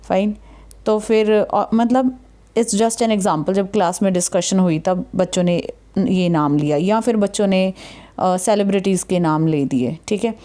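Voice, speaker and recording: A woman's voice: medium pitch, mellow. A woman with an Indian accent teaching an English textbook chapter, patiently explaining and often checking that students follow. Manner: patient, repeats "ठीक है" to check understanding; reads English passages slowly and deliberately.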